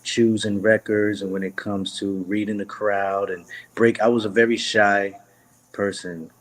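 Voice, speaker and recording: A man's voice: lowish voice, level tone, a little slow. A young man, chatting as an interview guest, rambling with lots of fillers and restarts. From Brooklyn, New York. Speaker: guest singer. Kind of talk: casual interview.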